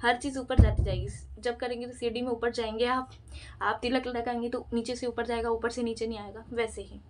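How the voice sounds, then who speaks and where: A woman talks through a devotional chanting lesson in a relaxed vlog, her voice sitting a little high. She chats along, mixing in English phrases and demonstrating with her hands as she explains. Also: a little fast, background noise. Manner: chatty, mixes Hindi with English phrases. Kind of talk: casual instructional vlog.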